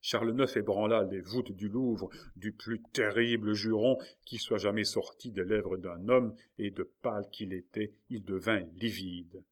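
A man reads a novel aloud in a measured, dramatic style. His voice sits fairly low and steady through the long narrated passages. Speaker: audiobook reader.

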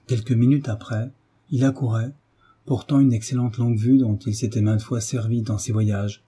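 A man narrating a classic novel in a measured, even reading. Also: medium pitch, husky. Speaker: audiobook narrator.

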